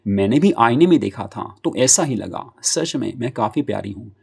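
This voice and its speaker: A man's voice: medium pitch, expressive, moderate pace, creaky, a little mellow, breathy edge, full character voice. A man voicing a cheerful yet lonely middle-aged mother who talks in an easygoing, reassuring way. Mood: fond.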